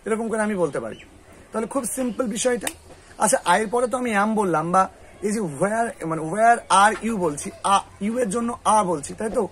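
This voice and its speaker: A man with a Bengali accent teaching spoken English, quizzing a student patiently and repeating phrases slowly. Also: high voice, a bit bright, a little hiss or hum. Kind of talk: classroom lesson.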